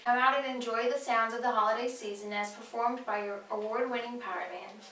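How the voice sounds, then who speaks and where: A woman's voice: a little high, fairly even intonation, a little fast, sharp tone. A young female student reading scripted announcements in the style of a school intercom. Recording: echoey, distant mic, faint room noise.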